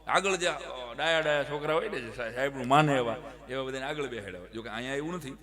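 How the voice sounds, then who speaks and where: Animated comic storyteller, man. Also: medium pitch, quick pace. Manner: animated, acts out characters with sudden loud shouts and broken English. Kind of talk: live folk comedy storytelling.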